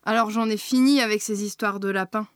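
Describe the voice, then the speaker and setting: A woman's voice: medium pitch, steady tone, clear, resonant tone, no echo, studio quality, close to an everyday voice. A woman voicing an eccentric, theatrical foreign woman who drags out grandiose, scornful laments. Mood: scornful chatter. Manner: grandiose, drawn-out sighing lament.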